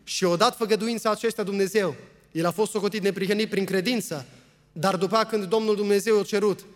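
In a sermon marked by long scripture readings, a man with a high voice speaks earnestly and keeps posing rhetorical questions to the congregation. His intonation stays fairly even, and a long, church-hall reverb trails his words.

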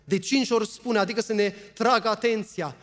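A man's voice: sits high, steady tone, a bit bright. A man preaching a sermon in a church, reading scripture aloud and earnestly putting questions to the congregation. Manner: reads scripture aloud at length. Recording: long hall reverb.

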